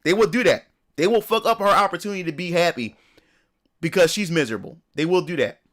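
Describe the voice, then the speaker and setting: High-voiced man ranting on a stream. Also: expressive, quick pace, fairly bright tone. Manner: ranting, emphatic, swears a lot; repeats words and restarts as he builds up. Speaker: live streamer. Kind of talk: casual live-stream chat.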